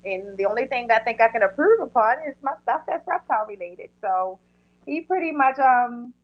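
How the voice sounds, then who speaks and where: A woman's voice: on the high side, animated, a little fast. A woman hosting a casual interview show in a chatty, informal way. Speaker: podcast host. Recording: dull lo-fi audio.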